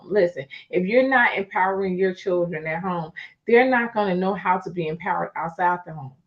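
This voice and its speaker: A woman's voice: lowish voice, lo-fi sound. A woman hosting a motivational talk. She speaks emphatically, repeats her points and talks to her listeners as y'all. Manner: emphatic and repetitive, conversational, addresses listeners as y'all.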